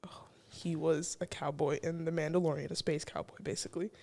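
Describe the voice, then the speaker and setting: A woman's voice: deep voice, fairly quick. A teenage girl from the Chicago area, co-hosting a casual chat and acting out quotes with lots of fillers. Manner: animated, filler-heavy, acts out quotes. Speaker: co-host.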